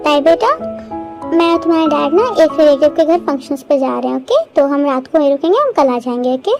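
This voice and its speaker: A caring middle-aged mother in a fan-made audio drama, voiced by a woman. She speaks gently and reassuringly in a high voice. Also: fairly quick, over loud music. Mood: gentle.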